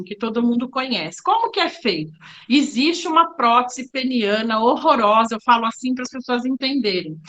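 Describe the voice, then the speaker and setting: A woman's voice: sits high, sharp tone. A middle-aged woman giving a public lecture as a diversity official, frank and didactic, addressing the audience directly.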